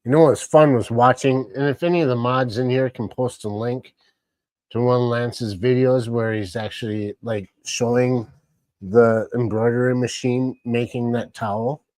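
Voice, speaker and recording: A man's voice: medium pitch, fairly even intonation, moderate pace, darkish tone, no room sound. A man casually hosting a live stream, rambling along and greeting chat viewers by name. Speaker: livestream host.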